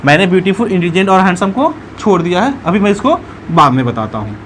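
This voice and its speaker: Male English teacher, high and lively voice, patient step-by-step classroom delivery, faint traffic noise behind. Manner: explains step by step, repeats words slowly and syllable by syllable. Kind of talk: classroom grammar lesson.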